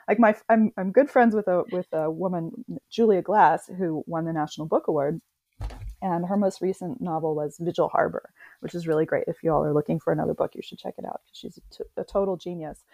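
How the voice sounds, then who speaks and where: A woman's voice: lowish voice, steady tone, fairly quick, a little mellow, dry recording. A woman author, a guest on a podcast, chatting casually with wry, self-deprecating humor.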